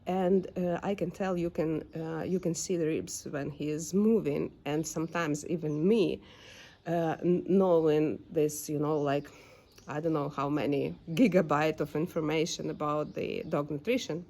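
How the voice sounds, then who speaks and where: In her backyard at home, a young dog-owning vlogger with a Ukrainian accent talks in a low, soft and mellow voice with a steady tone. She takes her time, often pausing and using fillers while she hunts for the right English words.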